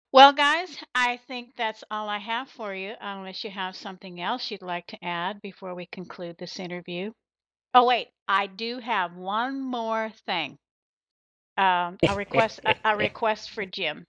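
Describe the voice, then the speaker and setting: A woman's voice: medium pitch, measured pace, fairly bright tone, dry recording, highs cut off. A woman hosting a casual interview, speaking in a playful, teasing way. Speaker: interview host.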